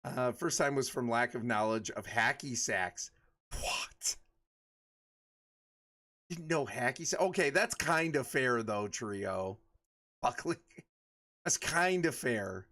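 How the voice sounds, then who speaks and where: A man's voice: medium pitch, expressive, slow, long pauses, pushed and bright. A man in his forties chatting casually with his livestream viewers, rambling and laughing often. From Michigan. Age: 40s. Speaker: livestream host.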